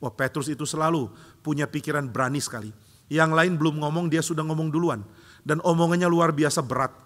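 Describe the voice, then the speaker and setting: A male pastor preaching a sermon in a large church, telling the story vividly and voicing the people in it with sudden loud bursts. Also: fairly high pitch, fairly quick. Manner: lively storytelling, acts out quoted voices with sudden loud jumps. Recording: church hall with long reverb.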